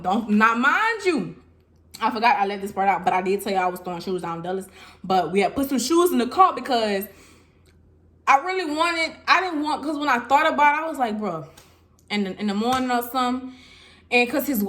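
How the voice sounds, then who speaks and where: A young woman telling a casual storytime vlog, animated and laughing as she talks straight to her viewers. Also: on the high side. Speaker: vlogger.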